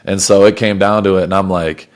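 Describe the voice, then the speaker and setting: A young man hosting a casual podcast chat, animated, laughing often and swearing freely. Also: low-pitched, brisk. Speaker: podcast host and football player.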